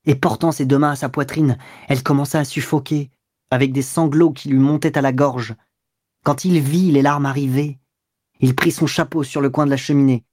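A male audiobook narrator telling a literary story in a measured, steady way. The voice sits close and dry, with no room echo. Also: mid-range voice.

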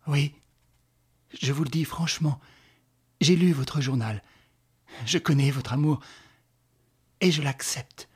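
A man reading aloud, voicing an anguished young woman in a storybook with a slightly husky, raised, tender voice. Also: on the high side, slow, pauses often, heavily acted. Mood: sad.

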